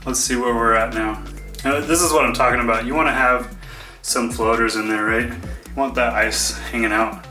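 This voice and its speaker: Male vlogger, casual explainer delivery, mid pitch, roomy sound with the mic at a distance. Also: steady tone, moderate pace, pushed and bright. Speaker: vlogger demonstrating an ice bath. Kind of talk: casual vlog narration to viewers. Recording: echoey room, distant mic, clear background music.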